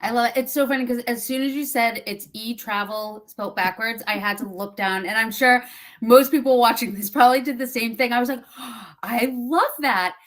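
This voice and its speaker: A woman with a Massachusetts accent hosting a casual video interview, upbeat and quick to affirm. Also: fairly high pitch, steady tone. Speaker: interviewer, host.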